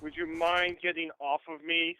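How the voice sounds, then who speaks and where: A man's voice: fairly high pitch, little pitch movement, moderate pace, sharp tone, smooth. A man voicing a grumpy adventurer pinned under a companion, his frumpy voice muffled as if heard through a wall. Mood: muffled grumble. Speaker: tabletop game player.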